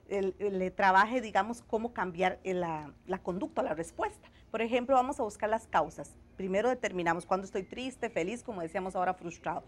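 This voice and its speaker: A woman, a child psychologist explaining on a call-in show and acting out parent-child dialogue. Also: mid-range voice. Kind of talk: advice on a call-in program.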